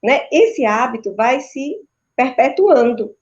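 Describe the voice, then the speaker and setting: A Brazilian woman in her thirties patiently explains children's routines, slowing down to stress her points and tagging her sentences with quick checks. Her voice sits a little high. The audio is dull and lo-fi, like a video call. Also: animated, a little mellow. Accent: Brazilian Portuguese. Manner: didactic, frequent tag questions. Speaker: maternal and child sleep consultant. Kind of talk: explanatory interview answers.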